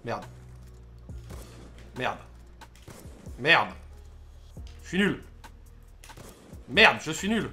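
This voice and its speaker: A young man commentating his own gameplay, excitable, swearing and shouting at the game. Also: medium pitch, very slow, long pauses, soft background music. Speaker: gaming YouTuber.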